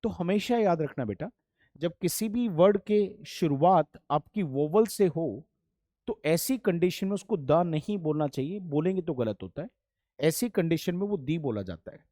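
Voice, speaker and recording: Speaking at a normal speed, a man whose voice is somewhat high, expressive and warm gives an English grammar class. He treats the students like children, patiently repeating things and addressing them as "beta" and "bachhon." It's a clean studio recording without any room sound.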